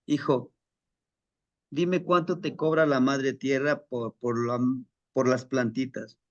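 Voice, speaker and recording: A man's voice: mid-range voice, steady tone, slow pace, highs cut off, close to an everyday voice. A man voicing an old healer father who patiently questions his son. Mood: patient questioning.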